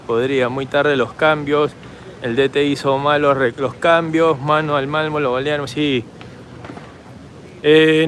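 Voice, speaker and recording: A man with a Peruvian Spanish accent, hoarse from shouting, chatting casually to his handheld camera as he walks through a city park at night. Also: a little high, a little hiss or hum. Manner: chatty, rambling, talks straight to camera while walking. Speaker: travel vlogger. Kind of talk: casual walking vlog.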